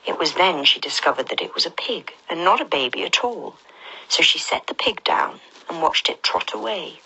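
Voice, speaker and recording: In a gentle half-whisper, a woman reads aloud from a children's storybook. Though pitched low, her voice comes across bright and quite breathy, well matched to a calm story; she keeps a normal pace, and the recording quality is poor.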